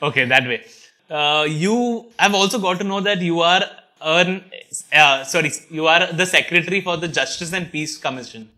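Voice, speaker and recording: A man's voice: fairly high pitch, moderate pace, sharp tone. A man with an Indian English accent hosting a casual interview, asking questions in a playful, teasing way. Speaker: interview host.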